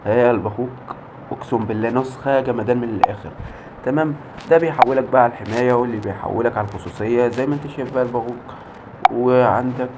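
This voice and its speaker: Rapid-fire hyped Egyptian man. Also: medium pitch, background noise. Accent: Egyptian Arabic. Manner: rapid, boastful, repeats catchphrases. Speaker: YouTuber showing off a modded app. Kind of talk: hyped screen walkthrough.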